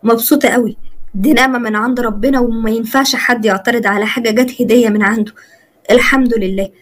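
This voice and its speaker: A woman voicing a quiet, guarded young wife in an Egyptian accent, in a storybook retelling. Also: fairly high pitch, steady tone, fast talker, natural voice. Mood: subdued. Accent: Egyptian Arabic.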